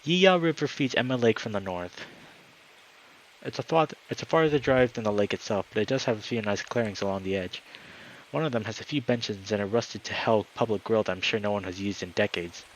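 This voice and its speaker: Brisk and fairly low in pitch, a man streams live on a low-quality recording with slight background noise. Upbeat and friendly, he moves from casual chat to reading a story aloud and turns excitable when saying hello to viewers.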